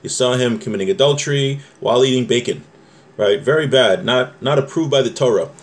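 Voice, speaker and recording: Speaking a bit quickly in a mid-range voice, this man leads an informal religious law lesson. He reads from a text and walks through it step by step in a chatty manner, posing rhetorical questions.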